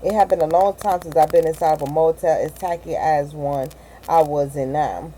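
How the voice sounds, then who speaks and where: A woman reads a novel aloud in a low, mellow voice, often tripping over words and going back to fix them. A faint hiss sits under the recording. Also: moderate pace, rough recording. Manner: stumbling, self-correcting, with asides and laughs. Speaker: reader of a novel. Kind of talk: amateur audiobook reading.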